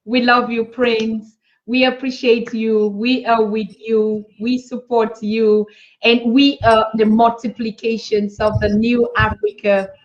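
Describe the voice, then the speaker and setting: A woman's voice: a little high, little pitch movement, takes it slowly, lo-fi sound. A woman hosting a live online interview, asking questions in an effusive, supportive way. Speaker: host.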